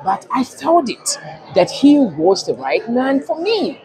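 A woman with a non-native English accent vlogging a casual chat at a restaurant, telling a story in a lively, chatty way. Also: on the high side, slow pace. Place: busy restaurant. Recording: noisy restaurant crowd. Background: restaurant crowd chatter.

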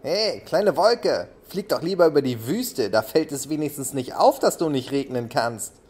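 A man doing loud, jeering mean clouds. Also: mid-range voice, expressive, normal speed, husky.

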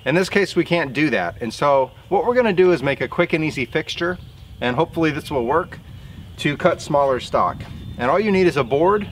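A man's voice: a little high, animated, fairly quick, slight background noise. A man in his thirties, a sawmill operator, casually explaining his work in an outdoor how-to vlog, recorded on a camera mic in a field. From southern Indiana.

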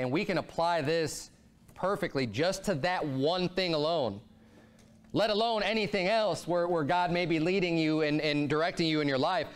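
This thirtysomething pastor preaches in a slightly high, smooth voice from the pulpit of a church sanctuary. His delivery is animated, rising and falling a great deal as he presses his points.

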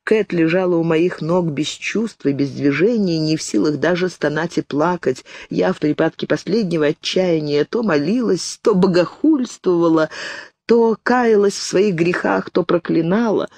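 A woman voicing a starving old englishwoman, low and weak. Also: normal speed, a little mellow, no echo. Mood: despairing. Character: starving elderly Englishwoman, brave, desperate.

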